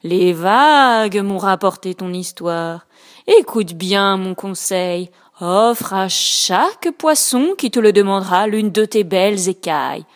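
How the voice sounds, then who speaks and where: Woman doing a slow, deep wise octopus. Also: lively intonation. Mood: solemn. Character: wise old octopus, calm and mysterious.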